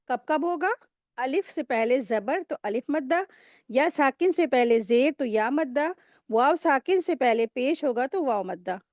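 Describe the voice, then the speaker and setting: A woman with a high, light voice teaches a recitation class, laying out each rule patiently and repeating it so students can memorize it. She slows to a crawl to sound out letters and stretch vowels. The recording is dry and close, with no room sound. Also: darkish tone, no echo. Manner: slow drawn-out syllable-by-syllable demonstrations. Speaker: tajweed teacher. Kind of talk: online recitation lesson.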